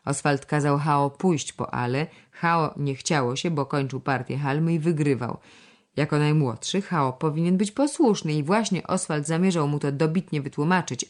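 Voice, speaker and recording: Woman audiobook narrator, deep low voice, measured storytelling pace. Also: darkish tone. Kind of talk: scripted narration of a children's novel.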